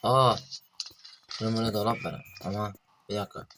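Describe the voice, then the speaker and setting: A man casually narrating his own horror game play, excitable and jumpy, muttering and swearing at what happens on screen, recorded on a phone. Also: on the low side, brisk. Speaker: gaming channel host. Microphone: phone mic. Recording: loud background noise with clicks.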